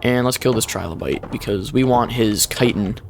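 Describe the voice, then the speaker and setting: A man's voice: lowish voice, moderate pace, noisy background. A young man giving casual, chatty commentary while playing a survival game, explaining each step with plenty of fillers. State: short of breath at times. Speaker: gaming YouTuber. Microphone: desk microphone.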